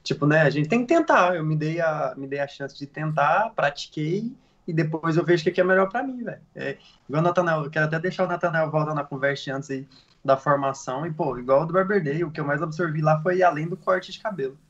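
A man's voice: on the high side, fast talker, a bit bright, lo-fi sound. A man co-hosting a podcast, chatting in slangy, agreeable style. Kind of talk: casual podcast chat.

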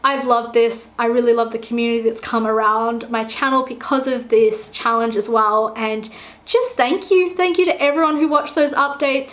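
Upbeat chatty woman vlogger, slightly high. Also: a bit bright. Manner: chatty, self-correcting, upbeat. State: tired, losing her voice. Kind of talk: casual talking-to-camera vlog.

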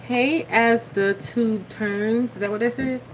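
The voice belongs to a young woman hosting a live cooking stream in her kitchen; it is fairly high with fairly even intonation, and she takes her time. She chats, reads viewer comments and thanks people by name. Because a phone over the stove is doing the recording, the audio is poor and noisy in the background.

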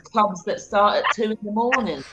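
A woman's voice: mid-range voice, normal speed, a bit bright, highs cut off, faint music behind. A woman co-hosting a video-call interview, chatting and reminiscing in a friendly way. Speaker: co-host.

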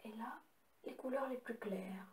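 Slow-talking woman showing makeup. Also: a little high. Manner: chatty, unhurried, apologetic asides. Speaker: beauty vlogger. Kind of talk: casual makeup haul with swatches. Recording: echoey room.

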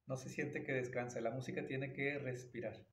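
Gravelly man teaching violin. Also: mid-range voice, fairly even intonation, normal speed, faint music behind. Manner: explains patiently, talks between played passages. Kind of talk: casual tutorial explanation. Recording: roomy, mic at a distance, violin behind. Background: violin playing.

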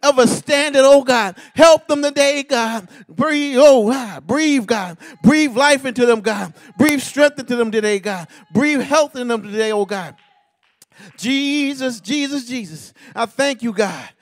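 High-voiced man praying fervently. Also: unhurried, dry recording. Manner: ends nearly every phrase with a call of "God"; rhythmic, half-sung, swelling to shouts. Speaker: pastor leading prayer. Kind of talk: fervent intercessory prayer.

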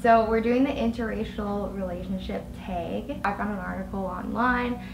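A woman's voice: medium pitch, steady tone, normal speed, vocal fry, over music. A young woman co-hosting a couple's video, chatting casually and giggling, with lots of "like". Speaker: co-host of a couple's channel. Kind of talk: casual chat. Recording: echoey room with noise.

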